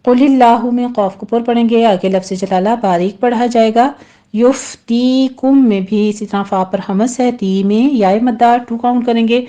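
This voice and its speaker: Mellow-voiced woman teaching recitation rules. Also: a little high, highs cut off. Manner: patient, step-by-step instruction; models words, then corrects pronunciation. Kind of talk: tajweed lesson.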